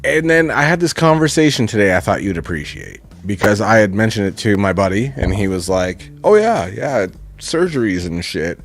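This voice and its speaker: Brief: Canadian man co-hosting a casual live stream, low voice with a lively swing in pitch, faint music underneath. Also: moderate pace, hardly any pauses. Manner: loose, laid-back, swearing freely. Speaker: co-host.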